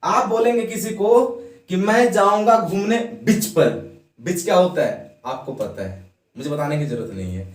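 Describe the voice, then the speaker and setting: A man's voice: sits high, normal speed, roomy sound, recorded from a distance, a little hiss or hum. A man teaching English grammar in a classroom lesson. He puts questions to the students, answers them himself, and has them repeat words after him.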